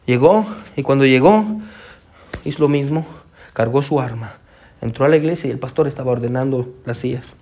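A man's voice: medium pitch, brisk. A pastor preaching a sermon, telling a story with animation and calling his listeners brother. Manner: animated storytelling, acts out quoted voices.

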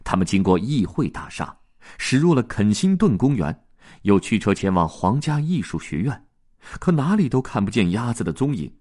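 A man reading a children's story aloud, with lively, expressive narration. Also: fairly low pitch, moderate pace.

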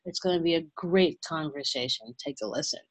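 Low-voiced woman hosting an interview. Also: a little fast. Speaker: podcast host.

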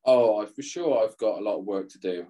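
A man's voice: on the low side, fairly quick, warm tone. A young English man, a former footballer, chatting casually as an interview guest, rambling and laughing at himself. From England. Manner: rambling, laughs often, self-deprecating. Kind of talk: casual chat.

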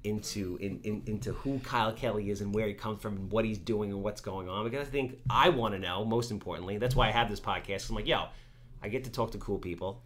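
Hyping up his guest with jokes, a man in his thirties hosts a casual podcast and reads the intro fast. He has a lowish, slightly bright voice.

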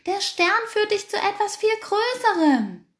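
A woman's voice: very high voice, big pitch swings, a little slow, roomy sound, voice pushed up, heavily acted. A woman voicing a sly, hungry fox that fibs and hesitates, in a storybook reading. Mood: earnest. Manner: hesitant, fibbing.

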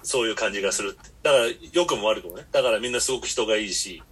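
A man's voice: on the low side, racing, fairly bright tone, husky. A man hosting a podcast, telling long rambling stories in blunt casual chat. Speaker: podcast host.

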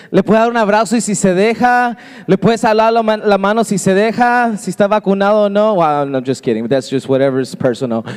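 A man preaches to his congregation, pitched notably high for a man. He keeps it lively, dropping jokes to the people in the pews. The church hall adds a long, ringing reverb to every phrase. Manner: lively, joking asides to the congregation. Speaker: pastor. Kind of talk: sermon. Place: church sanctuary.

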